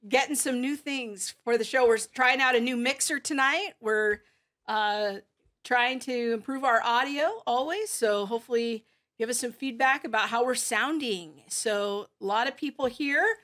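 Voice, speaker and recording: A woman's voice: a little high, normal speed, a bit bright. A woman co-hosting a casual live-stream chat, chatty and upbeat, laughing often. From California. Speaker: co-host.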